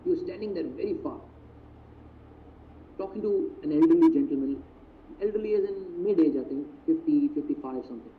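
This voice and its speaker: A man's voice: fairly high pitch, fairly quick, long pauses. Indian man mentoring over a tinny line. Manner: animated, mixes in Hindi phrases, acts out quotes. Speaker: business mentor. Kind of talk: live online talk, storytelling. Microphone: video call. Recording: tinny phone-like audio, faint noise.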